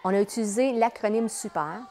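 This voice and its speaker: A woman's voice: medium pitch, a little fast, dark tone, some chatter behind. A woman with a Quebec accent enthusiastically explaining her children's show in a promotional interview. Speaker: children's entertainer, company president.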